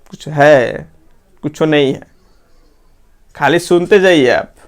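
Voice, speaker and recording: A man teaches a grammar lesson, posing questions to the class and answering them himself. He repeats phrases slowly so students can write them down, and his voice is on the high side.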